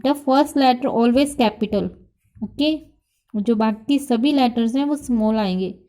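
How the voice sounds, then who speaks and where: A kindergarten teacher with an Indian accent talks children through spelling, letter by letter. Her voice sits a touch high, and she moves very slowly. She mixes Hindi and English, sounding out each letter with care. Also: mellow. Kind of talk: spelling dictation lesson.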